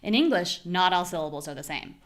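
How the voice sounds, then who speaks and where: A woman's voice: on the low side, animated, fairly quick, a bit bright. American woman teaching word stress. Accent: General American. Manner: demonstrates word stress by exaggerating syllables; patient, clear explanations. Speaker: pronunciation teacher. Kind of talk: live online class.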